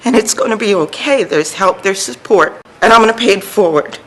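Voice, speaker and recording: A woman's voice: medium pitch, a little fast, poor audio. A woman from New City, a returning adult student speaking candidly and with emphasis. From New York City. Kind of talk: interview testimonial.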